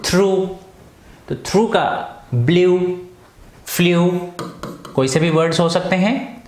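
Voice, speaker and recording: A male teacher explains a lesson in Hindi, posing questions and answering them himself. His voice sits fairly high for a man, and the room around him rings with a noticeable echo. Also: darkish tone. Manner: slow, deliberate English reading.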